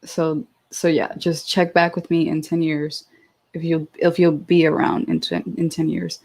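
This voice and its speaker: Chatty and giggly, a twenty-something woman runs a relaxed live chat, reading viewer questions aloud and answering them with plenty of fillers and restarts. She speaks at a measured pace in a low, level, slightly mellow voice.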